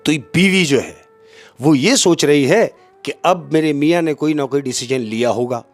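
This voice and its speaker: A man narrating a dramatic story to a listener, animated and often addressing him by name. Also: a little high, normal speed, soft background music.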